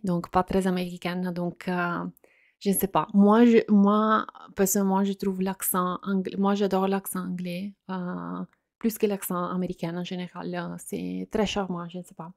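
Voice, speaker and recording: A woman hosting a soft-spoken ASMR chat, speaking hesitantly in non-native French with slips and frequent fillers. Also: lowish voice, dry recording, clean studio sound. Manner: hesitant, many fillers and restarts. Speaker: ASMR channel host.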